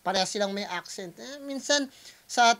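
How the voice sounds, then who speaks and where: A Filipino man hosting a reaction video, talking casually in mixed Tagalog and English, pausing often and calling out to his viewers. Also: sits high, animated, bright, forceful tone. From Philippines. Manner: hesitant Taglish, keeps addressing viewers as guys.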